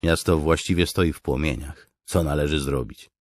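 A man's voice: a bass voice, normal speed, dry recording. A man reading a grim, blunt young soldier in an audiobook.

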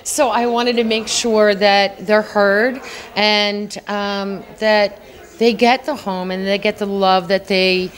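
At an indoor gala's press wall, an award-honored beauty entrepreneur in middle age chats earnestly with an interviewer, who holds the handheld microphone. She laughs lightly and often. Her voice is mid-range and steady, and she speaks slowly.

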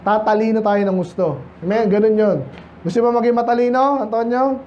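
A Filipino man preaching a blunt, scolding sermon in a church, switching between Tagalog and English and slowing down to quote scripture. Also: high voice, steady tone, highs cut off, a little hiss or hum. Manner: blunt, scolding, asks the congregation frequent questions. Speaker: pastor.

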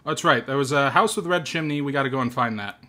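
A man hosting a horror game playthrough, grumbling, swearing often and sometimes shouting when startled. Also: medium pitch, fast, background noise. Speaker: host. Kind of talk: profane gaming commentary.

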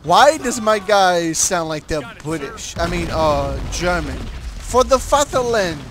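A man's voice: a little high, measured pace. Laughing man playing a war game. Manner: laughs often, joking and bemused. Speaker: game player. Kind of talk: casual gameplay commentary.

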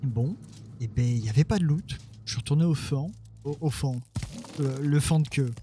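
With a medium pitch, lively intonation, and a mellow tone, this man speaks at a moderate pace over slight background noise. He's a let's play gamer chatting casually about his own strategy game, muttering, teasing himself, and talking to his units.

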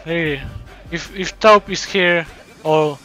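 Bright-voiced excitable male streamer. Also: a little high, slow, faint music behind, low-quality recording. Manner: stumbling, repeats words while talking; warm, thankful, excited. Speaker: live streamer. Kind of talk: casual live-stream chat.

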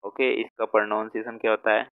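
A man teaching vocabulary in a class, going slowly and repeating each word as he writes it out. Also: lowish voice, level tone, clean tone, no echo. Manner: slow, repeats words while writing them out. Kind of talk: explaining word meanings in a class. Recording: tinny phone-like sound.

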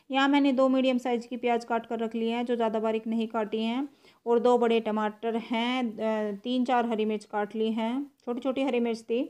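Woman, home cook, smooth voice, flat and even delivery, step-by-step. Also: fairly high pitch. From India. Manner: explains steps plainly, speaking to viewers. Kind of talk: cooking demonstration.

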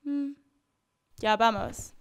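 Brief: woman gamer, slow-paced horror commentary, higher-pitched, gasps and screams at scares. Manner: reads notes aloud, reacts with gasps and screams. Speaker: gamer playing a horror game.

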